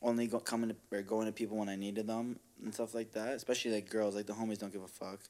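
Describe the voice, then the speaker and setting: A man's voice: fairly low pitch, level tone, quick pace, a little mellow. A young man co-hosting a podcast, talking in casual, slangy, profane banter. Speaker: podcast co-host. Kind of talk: casual chat.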